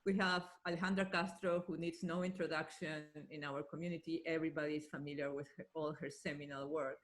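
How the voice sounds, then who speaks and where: A woman hosting an online meeting and moderating a panel, organizing things as she goes and switching between two languages, heard through a computer mic on a video call. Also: deep voice.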